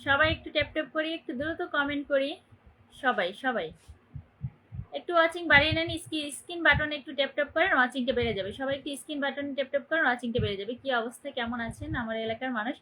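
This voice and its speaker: A woman's voice: high-pitched, very fast, pushed and bright, rough recording. A young woman from Bangladesh hosting a phone livestream, greeting viewers by name and cheerfully urging them to comment and share. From Barisal, Bangladesh. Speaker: livestream host. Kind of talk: casual livestream chat.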